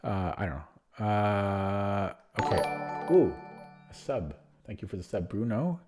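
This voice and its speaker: Over loud music, a man with a voice on the low side gives slow, animated live commentary while playing online chess. He reasons through each move aloud, hesitant and self-deprecating and full of filler words.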